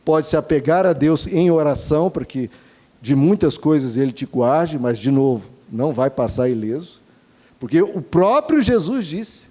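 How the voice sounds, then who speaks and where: Brief: male pastor, fairly high-pitched but mellow, earnest rhetorical sermon delivery. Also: lively intonation, moderate pace. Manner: earnest, rhetorical questions, addresses congregation as dear ones.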